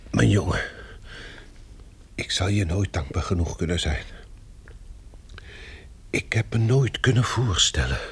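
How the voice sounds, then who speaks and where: A man's voice: low-pitched, expressive, unhurried, long pauses, a little hiss or hum. An actor playing an older male professor in a radio drama, shaken and earnest after nearly drowning. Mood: grave. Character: elderly male professor, frightened but dignified.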